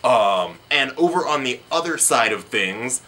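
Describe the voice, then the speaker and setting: Lively bright-voiced man pitching comics. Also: unhurried. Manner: lively, playful, upbeat pitching. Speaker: comic shop show co-host. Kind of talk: casual comic book recommendations.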